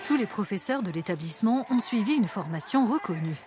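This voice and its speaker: A woman reporter reading a scripted news narration in an even, measured way. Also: medium pitch. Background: background music.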